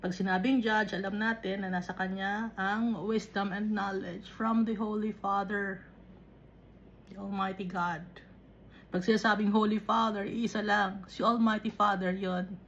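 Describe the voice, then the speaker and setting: Slow, unhurried woman teaching scripture. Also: medium pitch, steady tone, fairly bright tone, lo-fi sound, slight background noise. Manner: unhurried, explaining with frequent checks on listeners. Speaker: Bible teacher. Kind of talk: Taglish Bible study teaching.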